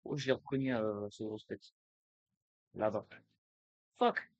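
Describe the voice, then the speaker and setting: A young man giving live gameplay commentary, excitable and full of street slang, swinging between muttering to himself and yelling. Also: fairly low pitch, moderate pace, muffled recording. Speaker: gaming streamer.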